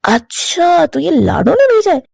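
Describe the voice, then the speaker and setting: A woman voicing a flustered young male crow husband, defensive and quick to explain himself. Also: extremely high pitch, wildly swooping pitch, vocal fry, darkish tone, heavily acted.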